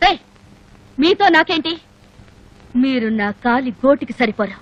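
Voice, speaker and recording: A woman's voice: high voice, animated, measured pace. A scornful defiant young woman. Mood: taunting. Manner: taunting, sharp and scornful. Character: defiant young woman scolding rival sisters-in-law. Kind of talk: film dialogue. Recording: dull film soundtrack with faint music.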